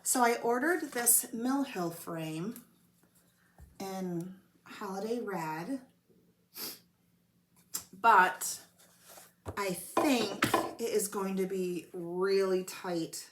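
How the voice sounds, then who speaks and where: A woman's voice: medium pitch, extremely slow, pauses often, fairly bright tone, a little hiss or hum. A woman hosting a home stitching show, chatting casually and rambling a little while she fights a cold. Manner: chatty, rambling, self-deprecating. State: coughing from a cold. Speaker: flosstube host. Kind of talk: casual show-and-tell chat. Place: home room with blanketed windows.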